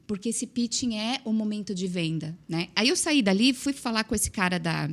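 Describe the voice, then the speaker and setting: A woman with a Brazilian Portuguese accent, speaking as a guest on a casual podcast. Her voice sits at a mid pitch, and she tells her story in a lively, chatty way. She often adds small tag questions and filler words as she goes. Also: normal speed.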